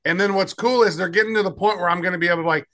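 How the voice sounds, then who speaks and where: A man with a bright, forward voice pitched a little high, talking casually as a podcast co-host. He wanders and restarts his sentences while showing things on screen. He sounds like he is on a video call. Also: racing. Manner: chatty, loose, trails off and restarts. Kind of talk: casual chat demoing tools.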